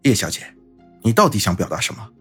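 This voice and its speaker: A woman voicing a cold, impatient young male detective in an audiobook, speaking in curt, husky low tones. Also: lively intonation, fast, darkish tone, soft background music, full character voice.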